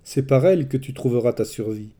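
A man's voice: medium pitch, a little fast, dark tone, natural voice. A man voicing a young male messenger god who speaks earnestly and insistently, in a storybook reading.

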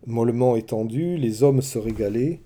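A man telling a mythology story in scripted, expressive narration. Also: mid-range voice, normal speed.

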